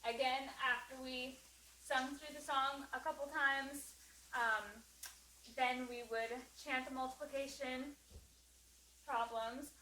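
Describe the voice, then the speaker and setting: A woman's voice: sits high, fairly even intonation, slow pace, sharp tone, reverberant, a little hiss or hum, poor audio. A woman tutor walking through memory work, explaining hand motions and singing skip counts. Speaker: homeschool class tutor.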